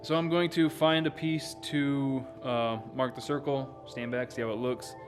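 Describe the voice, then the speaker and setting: In his home garage, an American man hosts a car-build vlog, narrating informally and thinking aloud as he works. His medium-pitched voice stays level and unhurried, with music playing in the background.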